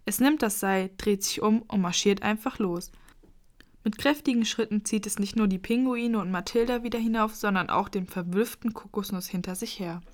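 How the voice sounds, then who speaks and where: A woman reading a children's story aloud in a lively, expressive way. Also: mid-range voice, normal speed.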